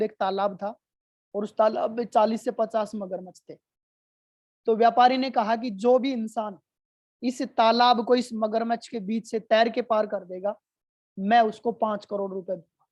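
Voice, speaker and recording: Woman, motivational storyteller, friendly and chatty, fairly high voice, dry close sound. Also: a little mellow, no echo, muffled recording. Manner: friendly, conversational narration.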